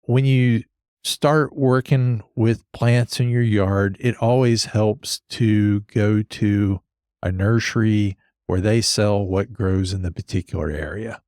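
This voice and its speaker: A man with a fairly low voice hosts a podcast. He explains things casually and conversationally, recorded dry with hardly any room sound. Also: fairly even intonation, takes it slowly, darkish tone, dry recording. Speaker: podcast host, landscape architect.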